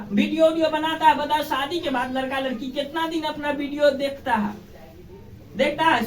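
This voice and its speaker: In an echoey room with the microphone at a distance, a woman with a Bihari accent and a voice that sits high teaches an informal school lesson. She's colloquial and exhorting, often asking rhetorical questions and checking that her pupils are following.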